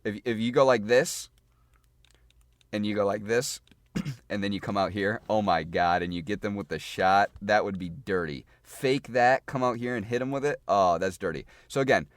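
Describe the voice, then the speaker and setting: A man's voice: fairly low pitch, moderate pace, no echo. A man giving a casual gameplay tutorial, chatty and repetitive, thinking aloud while he plays. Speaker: gaming guide creator.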